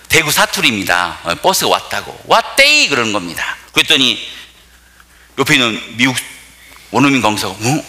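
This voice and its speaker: A man's voice: medium pitch, sharp tone. A male pastor preaching a sermon, telling jokes and often asking the audience questions. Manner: joking, asks the audience questions.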